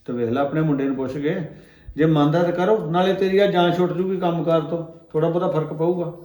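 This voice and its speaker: A man's voice: a little high, steady tone, fast talker, warm tone, lightly acted. A middle-aged man playing a husband and father who answers in short, brusque words. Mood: offhand. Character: blunt middle-aged husband, head of the house. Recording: echoey room.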